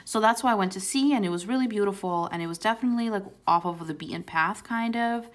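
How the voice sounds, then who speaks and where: A woman's voice: medium pitch, quick pace. A young woman in her twenties, telling a trip story in a chatty, casual way full of "like" and "um", coloring as she talks. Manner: chatty, lots of "like" and "um". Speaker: coloring channel host. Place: indoors at home, coloring while talking.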